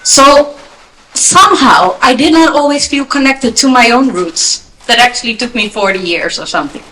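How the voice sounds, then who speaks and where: A woman's voice: a little high, lively intonation, normal speed, pushed and bright. Reflective woman in her forties, echoey hall. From Netherlands. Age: 40s. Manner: reflective, storytelling. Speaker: gala speaker. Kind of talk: personal speech at an event. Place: event hall. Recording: echoey hall, light noise.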